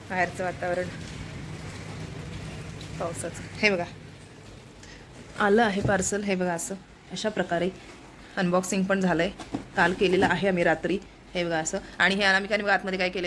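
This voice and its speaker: A woman's voice: mid-range voice, fairly bright tone, a little hiss or hum. A woman from Maharashtra chatting casually in a home vlog, keeps pointing things out to viewers. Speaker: vlogger.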